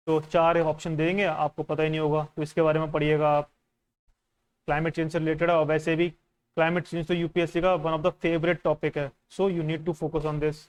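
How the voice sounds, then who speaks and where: Smooth-voiced man coaching exam students. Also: on the high side. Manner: conversational and instructive, often checking in with the listener; mixes in English phrases. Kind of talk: casual teaching while going through a newspaper.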